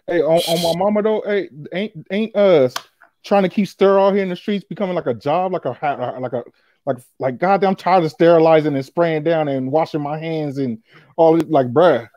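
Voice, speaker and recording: A man hosting a casual livestream chat, talking fast in loose slang. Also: fairly high pitch, dark tone, dry recording, muffled recording. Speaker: podcast host.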